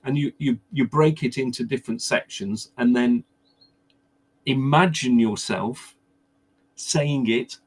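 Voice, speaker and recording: A man with a slightly husky voice explains pronunciation in a relaxed workshop style. He circles back, repeats words and restarts sentences as he works his ideas out. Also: medium pitch, slow pace, pauses often. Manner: hesitant, repeats words while thinking. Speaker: pronunciation coach.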